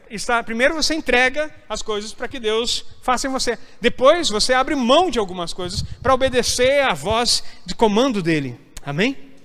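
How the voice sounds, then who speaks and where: A man's voice: very high-pitched, a bit bright. A man preaching an emphatic sermon as a pastor, now and then acting out whiny church members. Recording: hall reverb.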